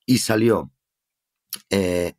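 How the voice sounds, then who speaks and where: A man with a Spain Spanish accent speaks in a fairly low voice. He tells his story as a podcast guest in an earnest, reflective way, unhurried and conversational. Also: darkish tone. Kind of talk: casual conversation.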